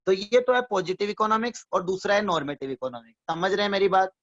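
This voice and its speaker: Speaking quickly in a high-pitched, slightly bright voice, a man gives a classroom-style economics lecture. He relies on repetition, asks frequent check-in questions, and calls his listeners his students fondly; the recording is dull, dry, and lo-fi.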